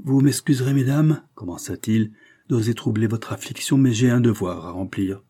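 A man voicing a smooth, scheming middle-aged gentleman who speaks in a grave, formal way, a little raised above his reading voice. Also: medium pitch, normal speed, close to an everyday voice.

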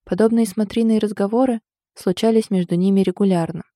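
Mellow-voiced woman narrating an audiobook. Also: medium pitch, fairly even intonation, quick pace, no echo, clean studio sound.

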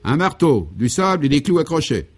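A man voicing a scatterbrained society wife who keeps saying the wrong words, in a shrill, emphatic falsetto, as comic radio serial acting. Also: sing-song, fairly quick. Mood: airy, gushing.

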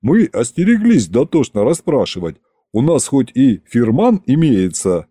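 A man's voice: mid-range voice, sing-song, unhurried, mellow, husky, dry recording, studio quality. A man reading an audiobook who voices a burly, deferential merchant speaking in old-fashioned, humble phrases. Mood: respectful. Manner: bowing, old-fashioned and respectful.

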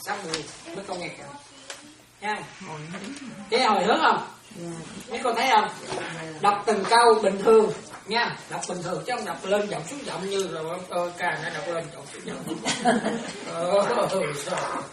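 This roomy, far-off room recording has a crowd audible behind a Buddhist nun as she teaches disciples in a relaxed dharma talk, often confirming they follow. She speaks at a moderate pace with a medium-pitched voice.

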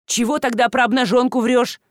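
A woman reading an audiobook, voicing a hot-tempered middle-aged male farmer who talks loud, scolding and mocking. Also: medium pitch, animated, normal speed, no room sound, studio quality, natural voice. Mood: angry. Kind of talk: audiobook dialogue.

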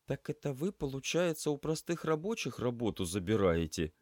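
A grumpy, sulky young woman activist, as a male narrator puts her on. Pitch raised above his own, but flat in force and grumbling. Dry, close recording. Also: moderate pace, dry recording.

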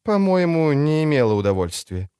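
A man's voice: big pitch swings, moderate pace, dark tone, clear, resonant tone, no echo, studio quality. A man reading as a cool, wry woman courier. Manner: wry and low-key. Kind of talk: audiobook character voice.

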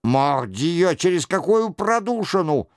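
Man doing a brusque, sharp jester. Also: a little high, big pitch swings, takes it slowly, no echo, studio quality. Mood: demanding. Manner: brusque, demanding.

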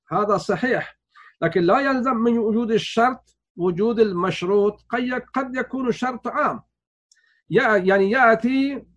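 A sheikh from Afghanistan teaches a grammar lesson in a fairly high voice, drawing out his example words slowly and often restarting his sentences. The recording is dull and lo-fi. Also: a bit bright. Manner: slow drawn-out example words, repeats and restarts while explaining. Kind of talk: classroom lesson on morphology.

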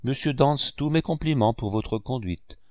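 A man's voice: medium pitch, normal speed, darkish tone, no room sound, pitched above the performer's own voice, natural voice. A man voicing a big, hot-tempered, haughty English squire in a storybook reading, exclaiming grandly. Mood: hearty.

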